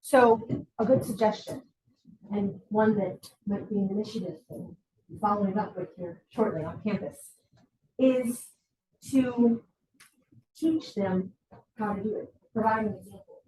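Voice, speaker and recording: A woman's voice: medium pitch, a little slow, pauses often. Woman trainer in a roomy hall. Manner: lively, acts out student quotes. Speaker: workshop presenter. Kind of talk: faculty training talk. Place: college meeting room. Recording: roomy hall, far from mic.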